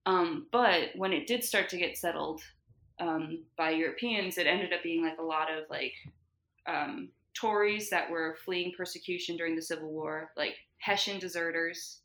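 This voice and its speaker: A woman's voice: on the low side, normal speed, a bit bright. A woman from New Jersey, a podcast guest, explaining eagerly in casual chat and leaning on "like" fillers. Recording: roomy echo.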